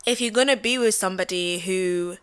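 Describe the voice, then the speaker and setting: This young woman from Central West Africa talks with a bright, sharp tone. She argues a point in a relaxed debate, full of fillers and checks like "you get me." Her pace jumps between quick bursts and slow, weighed phrases. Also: mid-range voice, smooth. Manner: animated, many fillers, often asks "do you get what I mean". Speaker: channel host. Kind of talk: casual debate conversation.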